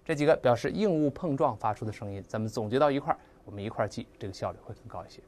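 A vocabulary teacher giving a recorded lesson, spelling out and slowly repeating English words and imitating clattering and clanging sounds aloud. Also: mid-range voice. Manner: mimics sounds with lively onomatopoeia.

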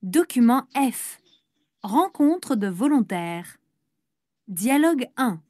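A woman's voice: a little high, sing-song, slow, a little mellow, no echo, clean studio sound. A woman reading announcements in a scripted language-course recording, carefully enunciated. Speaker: course audio narrator and speaker.

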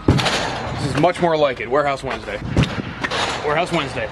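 A man's voice: mid-range voice, brisk, very noisy. A young man doing a comedic vlog skit, repeating a catchphrase in many playful voices outside a warehouse. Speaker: vlogger. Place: outdoors by a warehouse lot.

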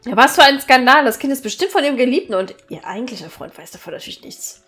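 A high-pitched village gossip, put on by a woman reading the game's lines, chatty and scandalized. She chatters over faint music in a role-playing game. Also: lively intonation, fast, a bit bright. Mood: gossipy.

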